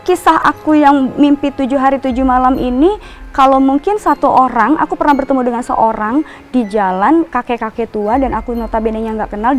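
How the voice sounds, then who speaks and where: A woman from Java telling a personal story as a guest, rambling with restarts and asides. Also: fairly high pitch. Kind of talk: casual storytelling.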